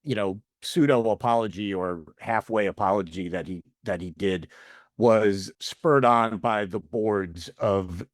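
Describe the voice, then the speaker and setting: A man co-hosting a political podcast, talking bluntly in casual chat with many halting restarts. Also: on the low side, no room sound, studio quality. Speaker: podcast co-host.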